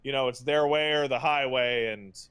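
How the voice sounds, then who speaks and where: A podcast host rants casually about video games, his mid-range voice fairly even in intonation, a bit bright and clean. He's emphatic and profane, halting with repetitions and mocking paraphrases.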